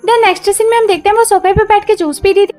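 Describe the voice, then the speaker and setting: A woman narrating a drama recap in brisk storytelling, voicing each character's lines in turn. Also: extremely high pitch, fairly even intonation, a little mellow, soft background music. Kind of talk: fast scripted story recap.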